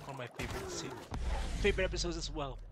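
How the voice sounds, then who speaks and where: A man's voice: on the high side, fast talker. A man giving playful, jokey commentary while playing a video game. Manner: playful, jokey, chatty to himself. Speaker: let's play gamer. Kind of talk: casual gameplay commentary. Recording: home recording with clear background noise.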